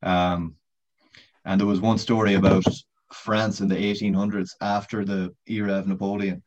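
A man with a low, deep voice chats casually as a podcast guest and winds through a long, rambling story with swearing and laughs along the way. The audio is dull and lo-fi. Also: level tone, moderate pace, darkish tone. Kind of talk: casual chat.

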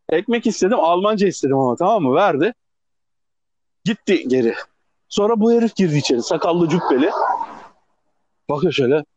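A man's voice: fairly high pitch, no echo. A man with an Ankara accent telling stories in casual podcast chat, acting out the people he quotes. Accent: Turkish, Ankara. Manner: animated, acts out quoted people. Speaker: podcast co-host. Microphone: phone. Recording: dull lo-fi phone recording.

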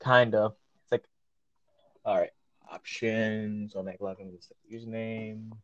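A man's voice: lowish voice, level tone, measured pace, a bit bright. A young man hosting a casual podcast, hesitant and full of fillers. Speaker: podcast host. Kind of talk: casual chat. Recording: dull lo-fi home recording.

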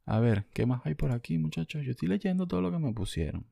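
A man's voice: fairly high pitch, lively intonation, fast talker, vocal fry, mellow, no echo, studio quality. A young Venezuelan man ranting bluntly and profanely in a casual vlog, answering viewer comments. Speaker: vlogger.

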